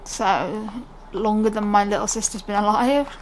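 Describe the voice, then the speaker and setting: A young British vlogger talks to camera in a casual, unscripted way, rambling candidly and often cutting off her own sentences. Her mid-range voice holds a steady tone at a normal speed. The recording is rough, with slight background noise.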